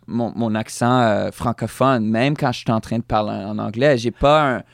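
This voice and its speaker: A man's voice: mid-range voice, normal speed, vocal fry, no echo, studio quality. A man from Saskatchewan with a Fransaskois French accent, a guest musician in a casual podcast conversation, hesitant, restarting words and slipping in English phrases. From Saskatchewan, Canada.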